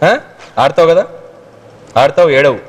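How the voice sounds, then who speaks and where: A man's voice: fairly high pitch, moderate pace. A man hosting a TV quiz show, teasing a young contestant playfully and reading out contest instructions announcer-style. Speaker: game show host.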